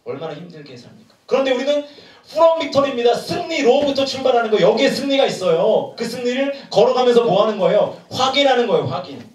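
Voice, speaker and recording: Lively, high-pitched preaching man. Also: a little fast, hardly any pauses. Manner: animated, humorous, asks the crowd questions. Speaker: pastor. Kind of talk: sermon. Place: large room at a retreat. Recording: echoey room from far off.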